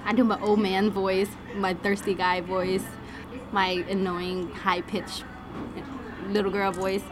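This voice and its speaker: A woman's voice: medium pitch, little pitch movement, slow, noisy background. A woman in her twenties, a nail technician, talking frankly and confidently in a casual interview in a nail salon. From United States. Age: 20s.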